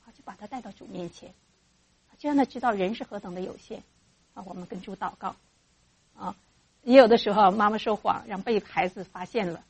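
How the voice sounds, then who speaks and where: Husky-voiced woman teaching mothers. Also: medium pitch, brisk, pauses often. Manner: lively, acts out parent and child voices. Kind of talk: church teaching talk.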